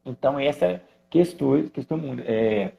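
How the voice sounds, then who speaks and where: Gravelly, jokey Brazilian driving instructor. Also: male voice, mid-range voice, moderate pace. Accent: Brazilian Portuguese. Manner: animated, jokey, reads viewer comments. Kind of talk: casual chat in a live stream.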